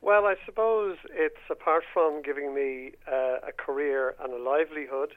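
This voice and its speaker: A man's voice: fairly high pitch, moderate pace. A man from Ireland, a music journalist and author, answering interview questions in a reflective way. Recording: tinny phone line.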